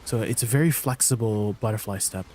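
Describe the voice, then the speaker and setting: This man, raised in Canada with Tagalog as his first language, is live-streaming a game, talking casually and laughing a lot. His fairly low, slightly mellow voice moves fairly quickly over slight background noise. Full of ums, he explains the controls and offers gameplay tips.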